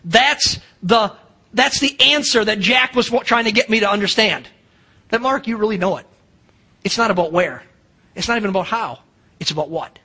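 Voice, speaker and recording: At a moderate pace, a middle-aged American pastor preaches in a high-pitched voice that is sharp and husky. The sermon is emphatic, featuring rhetorical questions and dramatized dialogue.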